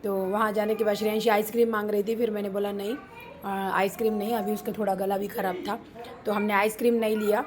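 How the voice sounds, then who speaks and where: A woman's voice: medium pitch, flat delivery, a crowd in the background. Chatty woman narrating a family vlog. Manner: chatty, storytelling with filler pauses. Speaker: family vlogger.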